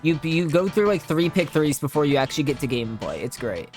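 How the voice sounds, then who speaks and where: A man's voice: fairly high pitch, sing-song, darkish tone, faint music behind. A man, an indie game developer, bantering casually and joking with his co-host while explaining design and coding ideas. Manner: joking, quick to laugh, casual "bro" banter.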